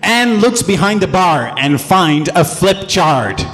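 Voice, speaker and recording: A man's voice: high voice, very animated, slow pace. Young man narrating a stage play. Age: young adult. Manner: reads the stage directions aloud. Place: large stage hall. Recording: hall reverb with music behind.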